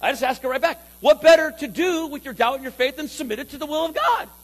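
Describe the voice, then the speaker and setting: A man's voice: extremely high pitch, animated, fast, poor audio. A man preaching a sermon as pastor, emphatic, repeating key lines and calling for responses from the congregation.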